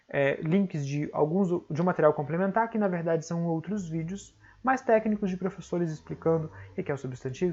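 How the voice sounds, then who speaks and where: A Brazilian-accented man gives an online exam-prep lesson, walking through each point and checking in with short tag questions. His voice has a gravelly, creaky edge. The recording sounds dull and lo-fi. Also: on the high side, a little mellow. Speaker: teacher.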